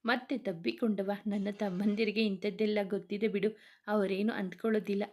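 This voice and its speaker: A woman narrates a romance story, reading each character's dialogue herself in one steady narrating voice. Her tone is mellow and warm. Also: mid-range voice.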